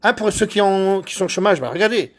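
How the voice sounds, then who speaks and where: A man who details cars, chatting casually while he works, excitable, boastful and rambling, with a husky voice. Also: sits high, quick pace. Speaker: car detailer. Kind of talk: casual chat while working.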